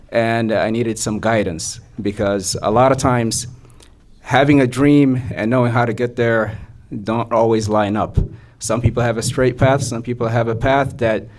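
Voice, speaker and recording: A young man from Somalia, a physician, giving a measured personal talk to an audience with frequent fillers. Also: medium pitch, darkish tone. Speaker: guest speaker, physician.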